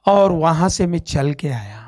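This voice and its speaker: Man giving an animated testimony. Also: on the high side, unhurried, dry recording. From Ajmer, India. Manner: animated storyteller acting out dialogue. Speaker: church testimony speaker. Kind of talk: spoken testimony on stage. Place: church stage.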